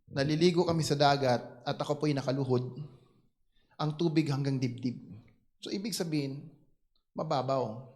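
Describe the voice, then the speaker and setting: A male pastor with a Filipino accent, preaching and telling a personal story with animated delivery and English phrases mixed in. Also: on the high side.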